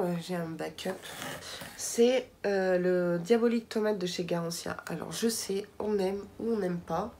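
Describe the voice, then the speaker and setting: A woman's voice: medium pitch, darkish tone. Chatty woman doing a product review vlog, lots of euh and asides to viewers, faint noise behind. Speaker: beauty vlogger.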